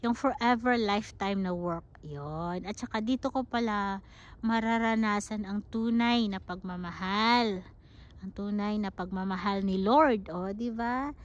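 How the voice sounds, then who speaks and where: A middle-aged woman from the Philippines talking in a casual, heartfelt vlog, chatty and quick to laugh, mixing English into her talk. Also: medium pitch. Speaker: vlogger. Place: outdoors at a snowy dog park. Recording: slightly dull, faint outdoor noise.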